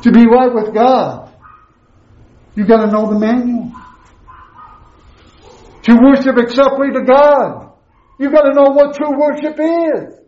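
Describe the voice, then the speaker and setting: High-pitched preacher speaking through a face mask. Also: male voice, measured pace, long pauses. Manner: emphatic, repetitive rhetorical questions and answers. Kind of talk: sermon. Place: echoey room, preaching to a congregation. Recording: roomy echo, slightly muffled sound.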